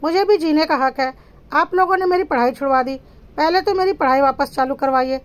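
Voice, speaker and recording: A woman's voice: high-pitched, fairly quick. A woman narrating a dramatic family story in the first person, in a firm and defiant manner.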